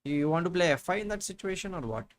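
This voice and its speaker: A man's voice: high-pitched, expressive, very fast, slight background noise. A man in his thirties co-hosting a live chess stream, thinking aloud about moves with many fillers. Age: 30s. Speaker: chess commentator co-host. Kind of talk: casual chess commentary. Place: room at home.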